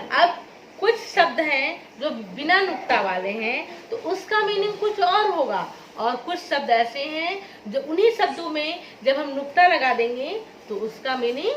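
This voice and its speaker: Patient, lively woman teaching in an echoey room. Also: high-pitched, a little hiss or hum. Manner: patient, repeats words and checks understanding. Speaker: school teacher. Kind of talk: classroom Hindi grammar lesson.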